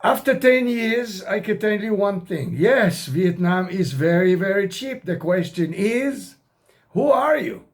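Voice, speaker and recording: Slow-talking older male expat vlogger. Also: sits high, lively intonation. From outside America. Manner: rambling, direct advice in non-native grammar. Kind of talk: casual talk to camera. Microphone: camera mic.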